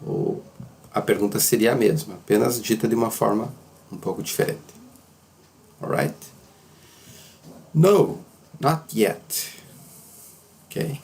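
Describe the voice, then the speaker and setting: Male teacher, low gravelly voice, slow patient delivery. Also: darkish tone. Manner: patient, repeats phrases slowly for learners to copy. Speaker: English teacher. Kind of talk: slow explanatory language lesson.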